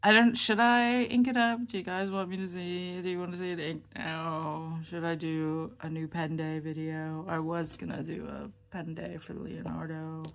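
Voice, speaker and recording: A woman vlogs about fountain pens in a casual show-and-tell chat, sounding tired and subdued. She rambles hesitantly with many ums and restarts, yet her low voice stays level at normal speed with few pauses.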